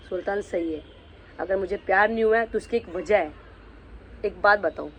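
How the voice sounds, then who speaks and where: A man's voice: high-pitched, slight background noise. A man vlogging, angrily confronting someone directly and threatening to reveal the truth about them. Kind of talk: angry vlog rant.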